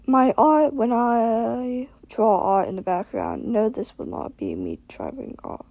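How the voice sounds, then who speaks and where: Tired young woman with heavy vocal fry. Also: a little high, big pitch swings, a little slow, dark tone, no echo. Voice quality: creaky. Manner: tired, exhausted-sounding. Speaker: amateur artist narrating own drawings. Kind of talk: casual voice-over on a sped-up drawing video.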